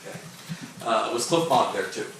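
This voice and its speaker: In an echoey courtroom recording with background noise, a male prosecutor with a lowish, animated voice and a fairly bright tone questions a witness methodically at normal speed, often saying "uh" and "um."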